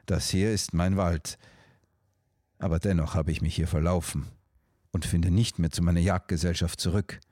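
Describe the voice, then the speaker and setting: A man's voice: deep voice, steady tone, moderate pace, a little mellow, dry recording, clean studio sound, close to an everyday voice. A man voicing a lost, tired and thirsty emperor in a storybook, pleading wearily. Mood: weary. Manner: weary and pleading.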